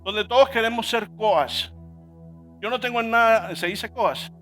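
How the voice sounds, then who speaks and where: A man's voice: extremely high pitch, unhurried, pushed and bright, faint music behind. A male pastor preaching a sermon in church, emphatic, often asking the congregation to repeat words after him.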